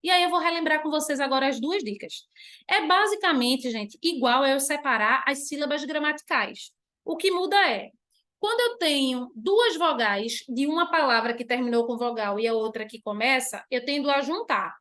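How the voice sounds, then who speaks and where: High-voiced Brazilian woman teaching. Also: expressive, sharp tone. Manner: patient, explanatory, answers her own rhetorical questions; drawn-out stressed words when demonstrating. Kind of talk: online class lecture.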